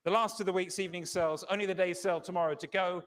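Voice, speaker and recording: A male fine art auctioneer with a fairly high voice and a very quick pace. He is polished and courteous, addressing the saleroom formally and repeating figures as he goes. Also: steady tone, a bit bright.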